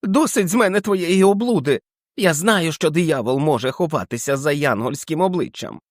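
A man voicing a terrified, hysterical old man who pleads in shrill outbursts in an audiobook. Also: animated, moderate pace, no echo, studio quality, lightly acted. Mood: frantic. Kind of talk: audiobook character voice.

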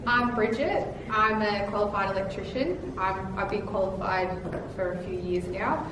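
A woman's voice: medium pitch, moderate pace. Young Australian woman tradie, chatty, distant mic with room hiss. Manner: chatty, with fillers and laughs. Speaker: qualified electrician, panel member. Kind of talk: panel discussion. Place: large plain meeting room, seated at table. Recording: echoey room from far off, noisy.

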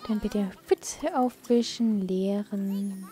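A woman's voice: mid-range voice, steady tone, slow pace, warm tone. A woman hosting a let's play, casually commenting on her game and coaxing the characters along.

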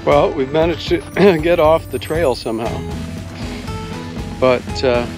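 A man's voice: fairly high pitch, slow pace. Chatty canadian guy on a sailboat, easygoing, music going behind him. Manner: relaxed, chatty, many fillers. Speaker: sailing vlogger. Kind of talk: casual vlog narration. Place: outdoors on a sailboat.

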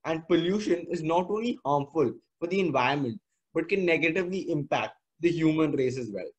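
A man's voice: on the high side, lively intonation, brisk, breathy edge, rough recording. A teenage male student with an educated Indian English accent, giving an earnest, formal slide presentation. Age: teenager, about 16 or 17.

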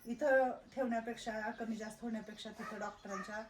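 A woman, a caretaker at an old age home, gently coaxing and calming residents in casual talk, often repeating herself. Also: a little high, fast talker, slight background noise. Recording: echoey room.

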